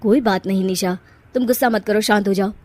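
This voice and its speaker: A woman voicing a gentle young husband in a cartoon story, soft and placating. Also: medium pitch, fairly even intonation, brisk, natural voice. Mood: calming.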